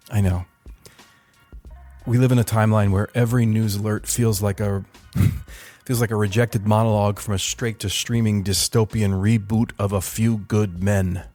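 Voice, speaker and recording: A man's voice: lowish voice, darkish tone. A man in his fifties hosting his own podcast, delivering a wry, sardonic solo commentary with profane asides. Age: 50s. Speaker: podcast host.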